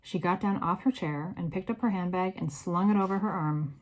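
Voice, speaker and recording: A woman reading a children's novel aloud in an expressive, varied storytelling manner. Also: lowish voice, brisk, rough recording. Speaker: read-aloud narrator.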